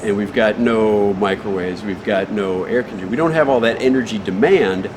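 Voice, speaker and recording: A man's voice: on the low side, a little fast. An American man co-hosting an RV vlog in a casual, conversational way. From United States. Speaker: co-host of an RV vlog. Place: at a busy RV trade show. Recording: clear vehicle and show-floor background noise.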